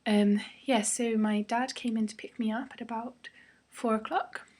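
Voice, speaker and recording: A young British woman, tired a day after surgery, gives a casual vlog update. Her voice is breathy and a little husky, staying fairly flat in pitch. She rambles loosely and often lets phrases trail softer. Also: normal speed. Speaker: vlogger.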